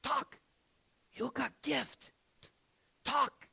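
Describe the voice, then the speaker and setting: A man's voice: extremely high pitch, steady tone, extremely slow, vocal fry, pushed and bright, slightly rough, pitched above the performer's own voice, heavily acted. A man voicing a ninety-year-old Slovak man who speaks broken English and urges someone on by repeating single words. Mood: urging.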